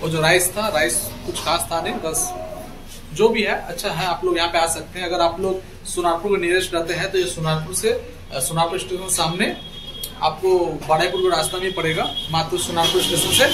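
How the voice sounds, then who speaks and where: This food vlogger from Kolkata, India sounds high-pitched and a little fast, with fairly even intonation and poor audio quality. Sampling dishes in a restaurant over loud music, he addresses viewers as friends. He keeps things chatty and repeats himself often.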